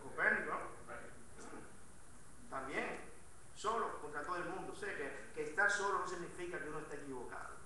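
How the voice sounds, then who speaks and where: High, bright-voiced preacher in an echoey church. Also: male voice, a little fast, pauses often, a little hiss or hum. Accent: Latin American Spanish. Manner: preaching, swings between loud emphatic calls and quiet asides; asks the congregation questions. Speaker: pastor. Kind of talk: Sunday sermon. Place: church sanctuary. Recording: very echoey church, mic from a distance.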